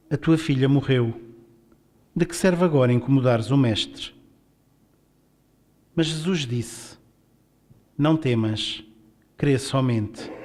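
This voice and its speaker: Slow-reading Portuguese man reading scripture. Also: mid-range voice. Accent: European Portuguese. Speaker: scripture reader.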